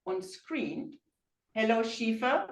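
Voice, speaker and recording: A woman's voice: a little high, very animated, takes it slowly, a little hiss or hum. Give me a chatty woman hosting a club meeting, recorded far off in an echoey room. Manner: chatty, laughs often. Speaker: meeting chair of a speaking club.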